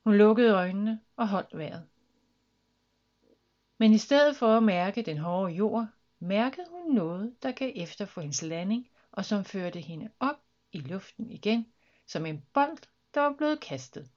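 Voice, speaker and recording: A woman's voice: medium pitch, lo-fi sound. Woman reading a children's story. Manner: lively, expressive reading.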